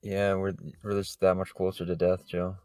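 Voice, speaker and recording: Low-voiced joking podcast co-host man. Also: completely flat delivery, normal speed, darkish tone, smooth, no room sound, clean studio sound. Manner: joking, teasing, laid-back. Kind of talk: casual chat.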